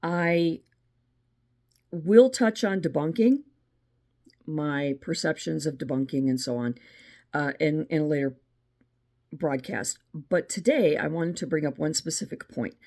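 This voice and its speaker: Low-voiced chatty woman host. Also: a little slow, creaky, long pauses, mellow. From United States. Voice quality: meandering, with frequent restarts. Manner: chatty, opinionated. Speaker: channel host. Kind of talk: casual monologue.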